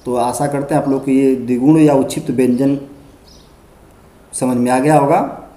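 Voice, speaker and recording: A man's voice: medium pitch, steady tone, normal speed, dark tone, roomy sound. A male schoolteacher giving a grammar lesson, patiently repeating words and checking in with the class. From Uttar Pradesh, India. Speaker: school teacher.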